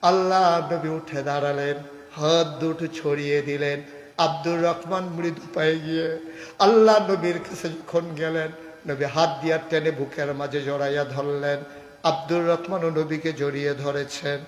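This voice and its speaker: A man from Bangladesh preaching an impassioned waz sermon, swinging from low storytelling into loud, chanting, tearful cries. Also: fairly even intonation, moderate pace. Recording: echoey hall, often from far off.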